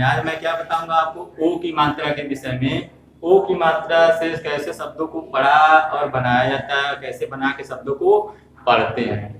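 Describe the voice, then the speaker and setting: A man teaching a lesson to young children, speaking slowly, repeating himself and asking questions that he answers himself. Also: on the high side. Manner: slow, repetitive, asks questions and answers them himself. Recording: echoey room, voice from far off.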